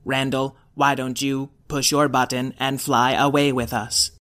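Man voicing a friendly storybook robot-dragon, slow, plain-spoken. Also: medium pitch, level tone, a bit bright, natural voice. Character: male robot turned chrome dragon, friendly.

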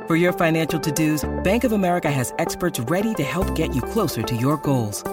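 A voice-over reading a scripted bank commercial in a brisk, upbeat manner. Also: medium pitch. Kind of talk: scripted ad read over music.

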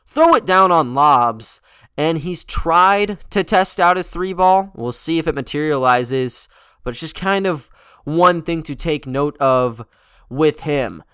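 Clear-voiced man talking basketball, fairly high pitch. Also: expressive, slow, fairly bright tone, dry recording, clean studio sound. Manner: conversational, informal. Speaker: sports podcast host. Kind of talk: casual basketball commentary with a sponsor read.

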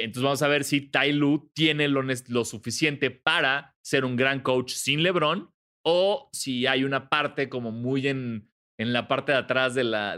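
Casual Mexican podcast co-host. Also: male voice, medium pitch, bright, forceful tone, clear, resonant tone. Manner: chatty, swears casually, apologetic asides. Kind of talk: casual sports chat.

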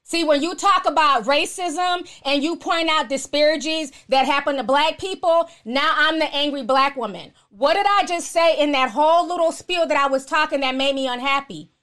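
Woman, high voice, live stream host, sassy, blunt, slangy, casual, outspoken, responding to chat. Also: moderate pace, hardly any pauses, a bit bright. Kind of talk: casual live chat, reading and answering viewer comments.

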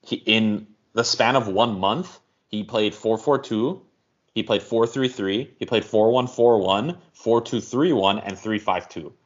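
Low-voiced guy on a football podcast, talks it through slowly w/ ums, muffled sound. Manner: measured, explains at length with frequent ums. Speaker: podcast co-host. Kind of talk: casual football podcast chat. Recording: dull lo-fi audio.

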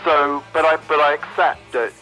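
A man's voice: a little high, fairly even intonation, normal speed, pushed and bright, poor audio. A middle-aged man, a music journalist talking as a guest in an interview, thoughtful and hesitant, often restarting his sentences. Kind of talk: casual interview talk.

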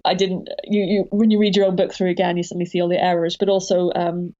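Woman, author guest, warm and mellow, earnest, thinks aloud, dullish lo-fi recording. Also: lowish voice, flat delivery, fast talker. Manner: thoughtful, earnest, self-correcting. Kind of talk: podcast conversation.

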